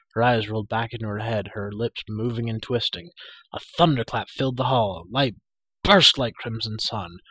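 A man reads a fantasy audiobook in a steady, dramatic way. His voice is low but bright and forceful, with occasional slips. It is recorded close and dry. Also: slightly rough, dry recording. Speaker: narrator. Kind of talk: audiobook reading.

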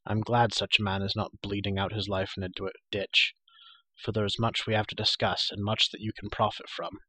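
A man reading a cruel, proud sorceress queen in an audiobook, silky and coaxing with a bright, forceful edge. Her voice sits a little higher than his low narration, in a dry, close recording. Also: flat delivery, moderate pace, husky, no room sound. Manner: silky, then shrill and raging.

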